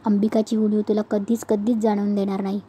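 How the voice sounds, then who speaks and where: Brief: woman doing a mellow-voiced scheming stepmother, sneering and flat. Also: medium pitch, a little fast, a little hiss or hum, lightly acted. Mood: falsely sweet. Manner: sneering, falsely sweet.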